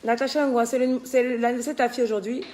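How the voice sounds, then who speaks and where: A woman's voice: a little high, steady tone, quick pace, darkish tone. Woman host, tired, chatty and teasing, casual live-stream talk. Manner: chatty, teasing, scolds workers. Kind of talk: casual live-stream chat reading viewer comments. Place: her villa under construction.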